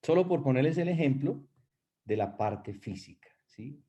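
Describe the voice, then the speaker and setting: A man's voice: mid-range voice, expressive, moderate pace, mellow, lo-fi sound. A male pastor delivering a sermon with emphatic preaching. He addresses listeners directly and shifts his pace often.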